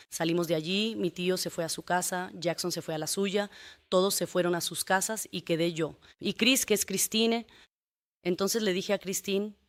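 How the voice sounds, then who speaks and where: A woman's voice: fairly low pitch, no room sound. A woman testifying as a defendant in court, giving a long, detailed account and often adding tag questions.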